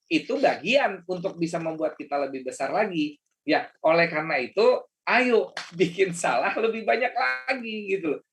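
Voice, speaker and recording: A man's voice: a little high, a bit bright. A man giving a casual motivational webinar talk as a coach, chatty and full of fillers and restarts. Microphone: video call.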